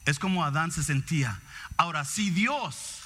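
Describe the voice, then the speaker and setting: A man delivers a sermon in a high-pitched voice. His tone is bright and tense. He muses aloud and keeps asking his listeners questions. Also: lively intonation, moderate pace. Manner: reflective, asks the congregation questions. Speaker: preacher.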